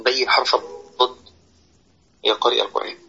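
A man's voice: mid-range voice, flat delivery, fairly quick, creaky, pushed and bright, lo-fi sound. A man with an Egyptian Arabic accent teaching Quran recitation in an online class, explaining verses step by step and often checking that listeners follow.

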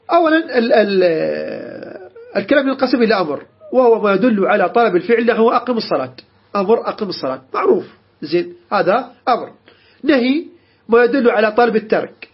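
A man's voice: high voice, slightly rough. A man teaching a grammar lesson, repeating key terms and checking that students understand. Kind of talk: classroom lecture. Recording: dull lo-fi recording.

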